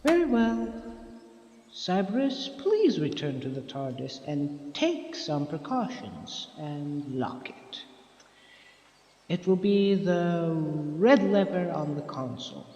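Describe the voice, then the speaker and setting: A suave, mad Time Lord villain played by a man in an audio drama. He is haughty and mocking, swinging wildly in pitch with slow, theatrical phrasing. The recording is reverberant and a little muffled. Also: sing-song, a little mellow, slightly rough, full character voice. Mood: commanding.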